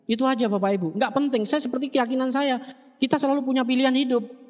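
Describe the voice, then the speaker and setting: A high-voiced man speaks quickly and energetically to a crowd in a big echoing hall, addressing his listeners again and again and mixing jokes into his stories. The sound is a dull, lo-fi tape recording with a long reverb tail from the room. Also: fairly even intonation. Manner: addresses the audience constantly, jokes and tells stories. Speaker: motivational speaker at a business seminar. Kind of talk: energetic seminar speech.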